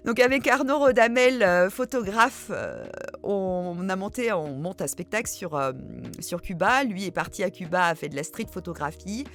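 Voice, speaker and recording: A woman's voice: medium pitch, expressive, moderate pace, faint music behind. A middle-aged woman hosting a reading channel, chatting casually and poking fun at herself as she answers viewer questions, with lots of hesitant fillers. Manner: chatty, self-deprecating, many hesitant fillers.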